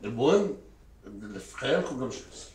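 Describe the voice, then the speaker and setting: A man's voice: mid-range voice, sing-song, racing, a little mellow, roomy sound, a little hiss or hum, lightly acted. An actor playing a stubborn, proud middle-aged Egyptian father, arguing heatedly and sarcastically with his family. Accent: Egyptian Arabic. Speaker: father of four daughters. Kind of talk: TV drama acting.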